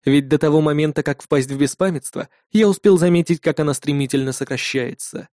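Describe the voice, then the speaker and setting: A man narrating a first-person fantasy audiobook, expressive and irritable when speaking as the hero. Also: a little high, a little fast, no echo, clean studio sound.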